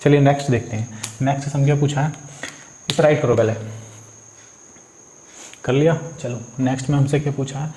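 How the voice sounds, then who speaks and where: A man's voice: mid-range voice, fairly even intonation, brisk, long pauses, mellow. A man teaching physics, working through numerical problems step by step. He asks questions and answers them himself, and addresses his students as "beta". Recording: echoey room, faint insect noise.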